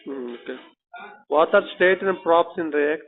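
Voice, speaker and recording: A man with an Indian accent and a fairly high voice speaks a little slowly while conducting a technical job interview over the phone, pressing with probing, repeated questions. The tinny narrowband line carries soft background music.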